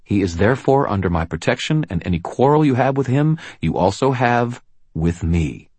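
A steely woman cop , voiced by a man, answering a giant's threats in firm, clipped, raised tones. The voice is lifted well above his husky register and sounds close and dry. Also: medium pitch, lively intonation, normal speed, a little mellow, no echo, voice pushed up. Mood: defiant. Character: tough, steely woman police officer. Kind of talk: audiobook character voice.

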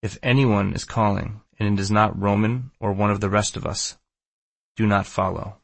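A man voicing an earnest, cautioning shaman's apprentice with a Maltese accent and halting delivery in an audiobook. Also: fairly low pitch, fairly even intonation, vocal fry, no echo. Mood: earnest warning. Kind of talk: audiobook character dialogue.

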